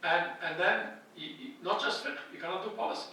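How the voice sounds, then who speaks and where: A man's voice: sits high, brisk, bright, forceful tone, slight background noise. A middle-aged man from Egypt giving a classroom lecture at a lectern, earnest and thinking aloud with frequent restarts. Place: lecture hall with a projected slide. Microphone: handheld mic at a lectern, filmed from a distant camera. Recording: echoey hall from far off.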